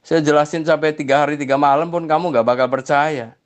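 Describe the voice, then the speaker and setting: A man's voice: fairly high pitch, fairly even intonation, a little fast, smooth. Chiding man explaining his faith. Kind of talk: religious debate voice notes.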